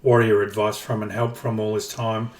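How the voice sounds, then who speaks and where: A man's voice: fairly low pitch, little pitch movement, moderate pace. A man co-hosting a casual gaming podcast, explaining his ideas at length with dry jokes. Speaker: podcast co-host. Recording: roomy, distant from the mic.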